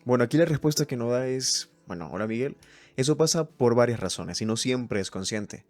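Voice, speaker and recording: Over soft background music, the Venezuelan host from Mérida talks a little fast with lively intonation in a mid-range, slightly mellow voice. Alone on his podcast, he works through a list aloud, commenting on every item.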